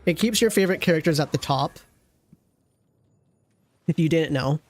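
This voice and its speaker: Chatting with viewers and teasing them, this streamer gives loose, meandering commentary on a game. The middle-pitched voice moves at a moderate pace.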